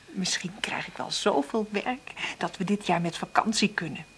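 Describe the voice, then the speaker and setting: An actress in a radio play portrays an insecure, tender divorced single mother who is struggling, nervous, and hopeful. Her medium-pitched, breathy voice is often half-whispered, animated yet lightly acted at a moderate pace. It's a naturalistic, intimate monologue, hesitant as she thinks aloud.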